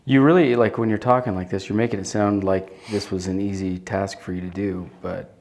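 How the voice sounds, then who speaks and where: Guy interviewing someone on stage, fairly low voice, chatty, keeps going "right?". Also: steady tone, brisk, darkish tone. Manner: conversational, prompting with "right?". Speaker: interviewer, host.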